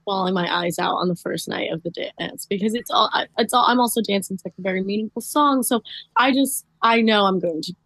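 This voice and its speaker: A woman's voice: mid-range voice, brisk, a bit bright, no room sound. A woman guest in a casual podcast interview, talking chattily with lots of "like" and "um". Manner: chatty, fills speech with "like" and "um".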